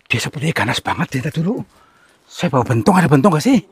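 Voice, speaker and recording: A man, from Central Java, hosting a ghost-hunting vlog outdoors in a forest, giving hushed commentary and coaxing with repeated soothing words. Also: a little high, sing-song, quick pace, breathy edge, no room sound. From Central Java, Indonesia. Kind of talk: hushed on-location exploration commentary.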